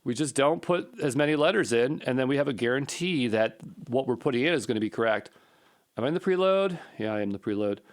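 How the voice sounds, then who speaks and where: A man presents an informal coding tutorial in a mid-range voice, talking fast and animatedly through each step. He often mutters to himself, thinking aloud in a casual way.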